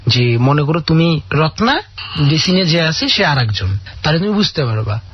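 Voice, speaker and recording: A man's voice: on the high side, very animated, moderate pace, slight background noise. A man calling in to a radio show, earnestly telling a long personal story full of quoted dialogue. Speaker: caller. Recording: dull lo-fi radio audio.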